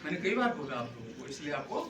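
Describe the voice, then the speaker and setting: Coaxing teacher in an echoey classroom. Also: male voice, mid-range voice, very animated, fast talker. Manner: coaxing, keeps asking "है ना?". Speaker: schoolteacher. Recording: echoey room, distant mic, faint noise.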